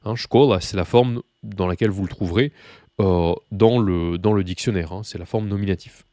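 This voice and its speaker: A man with a somewhat low voice runs a relaxed beginner Russian lesson, talking straight to his learners. He rambles through asides and fillers. The sound is dry and close, with no room echo. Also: normal speed. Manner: chatty, many fillers and asides, addresses learners directly. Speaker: Russian teacher. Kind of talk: casual video lesson.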